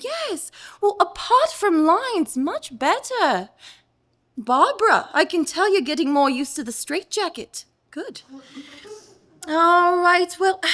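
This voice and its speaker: A woman playing a stage director giving brisk notes to her cast at rehearsal. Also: high voice, a bit bright, full character voice.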